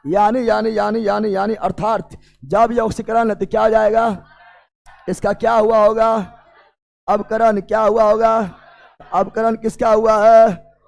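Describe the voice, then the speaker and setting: A high-voiced male teacher drills his class with repeated questions. His voice is gravelly and he often shouts or slips into a sing-song. He keeps up a loud call-and-response. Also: little pitch movement, measured pace, highs cut off.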